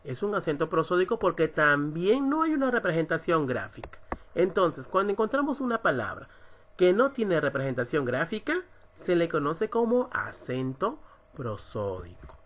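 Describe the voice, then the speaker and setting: A man teaching an online writing class, slowly stressing syllables as he explains. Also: a little high, sing-song, a bit bright. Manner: slow, emphatic, stresses syllables. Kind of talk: recorded online lesson.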